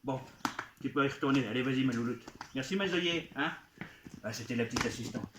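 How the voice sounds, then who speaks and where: A man with a medium-pitched, brisk voice performs as a goblin expert in a playful live comic show for children. He coaxes the young audience and talks directly to them, recorded in an echoey venue with background noise.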